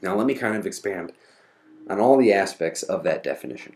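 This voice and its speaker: Congested from a cold, a podcast host walks through the basics step by step, methodically defining each term. His low-pitched voice is expressive and brisk, with vocal fry and a darkish tone.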